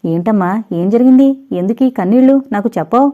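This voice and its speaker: A woman doing a gentle motherly mother-in-law. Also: a little high, a little fast, lightly acted. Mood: consoling. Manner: gentle, soothing. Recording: dull lo-fi recording.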